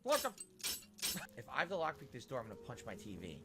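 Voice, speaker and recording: A man giving excitable, profane commentary as he plays a video game, breaking into loud outbursts and laughter. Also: mid-range voice, brisk, noisy background. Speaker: gameplay streamer. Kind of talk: swearing let's-play commentary.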